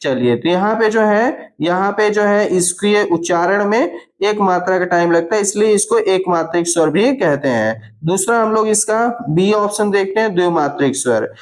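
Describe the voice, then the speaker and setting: A woman teacher going through exam answers, repeating key terms and asking and answering her own questions. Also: medium pitch. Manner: spells out words slowly while writing. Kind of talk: exam answer walkthrough lesson.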